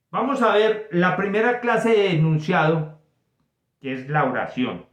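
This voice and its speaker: A man teaching a recorded grammar lesson, explaining slowly and reading example sentences in an exaggerated voice. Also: on the high side. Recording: echoey room, dull lo-fi sound.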